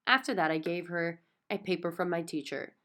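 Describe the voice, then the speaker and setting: Female reader, children's book, expressive storyteller, lower register. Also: fairly quick. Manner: expressive, childlike first-person narration. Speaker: audiobook reader. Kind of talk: reading a children's book aloud.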